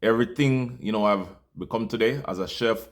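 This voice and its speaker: Jamaican male host, low-pitched, earnest appeal, casual with fillers. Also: brisk. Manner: heartfelt, loose with fillers. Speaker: channel host.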